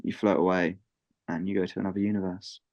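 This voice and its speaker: A man's voice: low-pitched, level tone, fast, a little mellow, no echo, lo-fi sound. A man guesting on a casual podcast, laid-back and hesitant as he muses.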